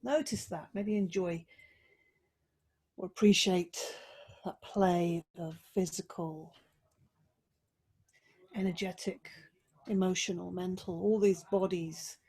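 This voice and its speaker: Slow, gentle, coaxing instructions come from a female yoga teacher guiding relaxation and a body check-in, with pauses between each phrase. Her pitch is fairly low, her tone steady, and her voice husky.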